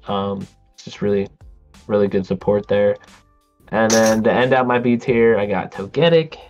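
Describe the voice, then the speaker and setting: A man co-hosting a casual podcast, talking in a relaxed way with many ums and easy laughs. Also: fairly low pitch, lo-fi sound. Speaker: podcast co-host. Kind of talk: casual chat.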